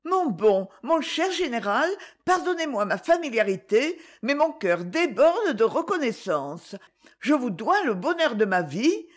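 A woman reader voicing a warm-hearted, quick-tempered young woman in a storybook. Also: low-pitched, sing-song, pitched below the performer's own voice, exaggerated voice. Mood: tender.

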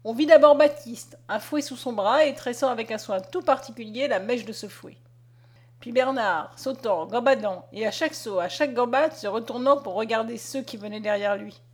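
A woman reads a classic story aloud, steady and measured. Her voice sits a little higher than most women's, and her pace is even. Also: breathy edge. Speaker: audiobook reader. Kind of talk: storytelling narration.

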